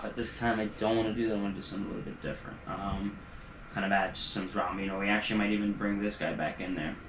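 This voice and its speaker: A man's voice: lowish voice, noisy background. A man walking through his music production, casual and laid-back, thinking aloud as he works. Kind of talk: casual studio walkthrough. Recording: roomy sound with music playing. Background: music tracks playing.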